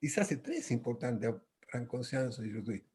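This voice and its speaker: A man reflecting at a church workshop uses halting French as a non-native speaker, with a Latin American Spanish accent, often searching for words and repeating himself. His mid-range voice is very animated and a little mellow.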